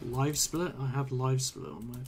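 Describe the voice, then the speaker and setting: A mid-range male voice with fairly even intonation and a moderate pace rambles casually over gameplay while streaming from a home computer room. He hesitates, uses lots of fillers and trails off mid-sentence, and his voice shows some strain from long talking. There's slight background noise.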